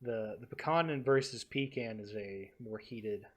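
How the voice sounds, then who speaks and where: A young man from the Texas Panhandle co-hosts a podcast, chatting casually in a fairly low voice. He speaks haltingly, repeats his words and uses many fillers.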